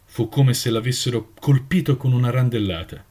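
A man's voice: mid-range voice, normal speed, dark tone, breathy edge. Man narrating a story expressively. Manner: dramatic, varied reading. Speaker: storyteller reading aloud.

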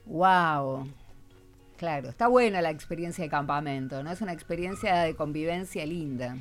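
Speaking in a deep voice at a normal speed, this Rioplatense-accented Argentine woman hosts a radio interview with schoolchildren. Her approach is casual but teacherly, prompting them with frequent questions, while faint music sits in the background.

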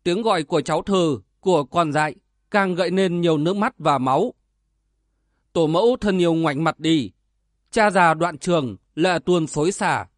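Guy narrating a martial arts novel audiobook, dramatic and steady, kinda high voice, dry close sound. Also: normal speed, dry recording.

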